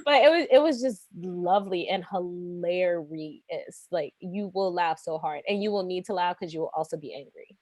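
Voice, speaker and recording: A woman's voice: on the low side, moderate pace, hardly any pauses, a little mellow, dry recording. Female panelist, laughs often, rambles, very dry close sound. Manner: giggly, rambling, quotes her own thoughts. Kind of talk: casual panel discussion.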